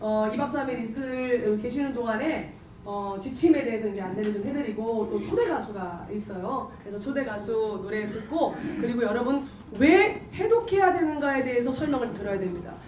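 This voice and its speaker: A middle-aged woman hosting a camp event, speaking to a large audience in a lively way and laughing often. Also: fairly high pitch, normal speed. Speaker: event host. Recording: echoey hall, distant mic, crowd noise.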